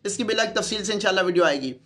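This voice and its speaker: Bright-voiced Urdu-speaking male tutor. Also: sits high, expressive. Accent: Pakistani Urdu. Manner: patient, repeats sounds slowly for demonstration. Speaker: Quran teacher. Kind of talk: teaching letter pronunciation to teachers.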